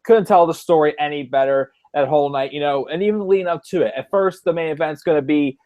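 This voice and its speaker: A relaxed man talking through his pick on a casual podcast. His voice sits a little high and his manner stays dry. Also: fast talker. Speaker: co-host.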